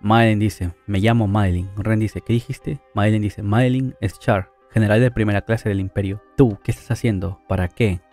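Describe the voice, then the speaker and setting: A man's voice: on the low side, fairly even intonation, normal speed, few pauses, a little mellow, soft background music. A man casually retelling an anime story, reading out the characters' lines and adding chatty asides. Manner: chatty, adds asides and fillers. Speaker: anime story recap narrator.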